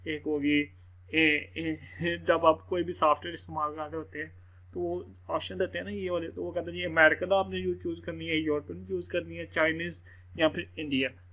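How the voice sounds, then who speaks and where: A man's voice: on the high side, level tone, moderate pace, phone-quality sound. A man teaching an English reading lesson in a loose, casual way, filling his talk with "theek hai". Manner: loose, repetitive, full of "theek hai" fillers. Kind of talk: casual screen-recorded lesson.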